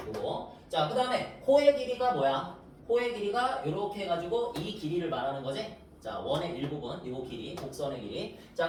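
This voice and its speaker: A man's voice: high voice, darkish tone. A man teaching a middle-school math class, talking the students through steps and checking they follow with short questions. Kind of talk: whiteboard math lesson. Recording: roomy, distant mic, faint noise.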